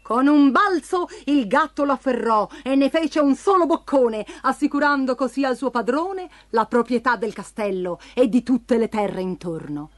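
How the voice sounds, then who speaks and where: A woman narrating a fairy tale aloud in an expressive storybook reading. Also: sits high, moderate pace, hardly any pauses.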